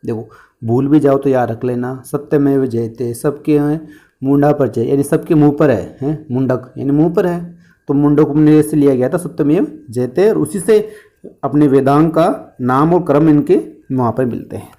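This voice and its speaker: Brief: male exam coach with a lilt, mellow tone, answers his own questions with mnemonics. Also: a little high, normal speed. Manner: explains with questions and answers to himself; uses memory tricks and jokes. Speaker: teacher. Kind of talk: exam-prep history lesson.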